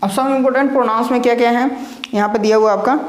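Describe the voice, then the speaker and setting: A man's voice: very high voice, steady tone, normal speed. Male teacher giving a patient grammar lesson, echoey room, answers his own questions. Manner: repetitive, asks rhetorical questions and answers them himself. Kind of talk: classroom lesson explaining grammar.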